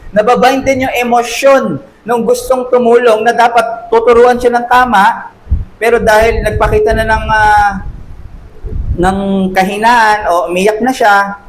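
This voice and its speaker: Male Sunday school teacher, high voice, talks conversationally, tosses in quick rhetorical questions, faint background noise. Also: rough recording. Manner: acts out quoted voices. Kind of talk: church class lecture.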